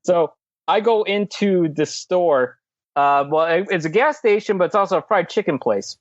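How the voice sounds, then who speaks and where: A man's voice: sits high, normal speed, no echo, lo-fi sound. A man, a co-author guest in a casual remote interview, jokes, laughs often and fills his talk with "like". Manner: joking, laughs often, says "like" a lot.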